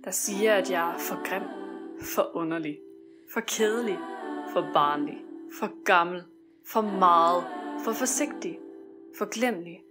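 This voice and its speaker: A woman reciting a poem in an intimate, brooding voice that rises to anguished shouts. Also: fairly low pitch. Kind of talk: spoken word poetry over music. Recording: spoken over a music track.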